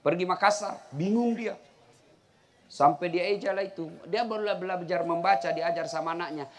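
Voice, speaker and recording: A man preaching a humorous sermon, telling stories with jokes and bursting out loudly at times. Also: sits high, normal speed, a crowd in the background. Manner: storytelling with jokes, sudden loud outbursts. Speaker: Islamic preacher. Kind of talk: humorous sermon to a live audience. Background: faint audience laughter.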